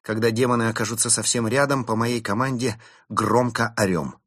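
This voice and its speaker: A man voicing a calm, clever male animal who leads his friends with quiet, steady commands. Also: mid-range voice, moderate pace, husky, no echo, studio quality, pitched above the performer's own voice. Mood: calm commanding.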